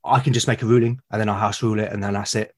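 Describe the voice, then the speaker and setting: A fairly low-pitched male voice races along in a steady tone. He is a British artist and podcaster being interviewed as a guest in a casual conversation, talking hesitantly and often repeating words when beginning sentences.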